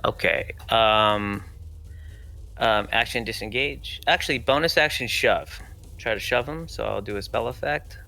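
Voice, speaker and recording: A man with a bright, sharp voice at middle pitch. He talks casually through his moves as a tabletop player. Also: measured pace, vocal fry. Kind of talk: casual tabletop game chat.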